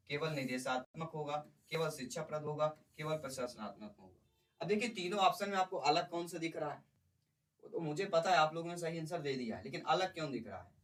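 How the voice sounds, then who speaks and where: A man's voice: fairly high pitch, a bit bright. A man teaching an exam-prep lesson. He explains each question step by step and keeps asking the class questions. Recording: voice somewhat far from the mic.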